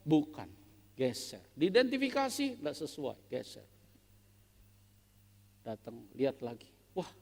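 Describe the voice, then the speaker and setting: A man preaching a sermon as pastor, playful and animated, asking the congregation rhetorical questions. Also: on the high side, creaky, long reverb tail. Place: church.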